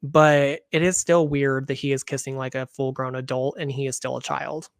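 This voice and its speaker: A chatty man co-hosting a podcast at middling pitch, his talk full of "like" and quick asides. He drops into short acted voices when he quotes people. The sound is dry and close, with no room around it. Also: little pitch movement, vocal fry, no room sound. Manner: chatty, lots of fillers, quoting others in little voices. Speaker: podcast co-host. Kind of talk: casual chat.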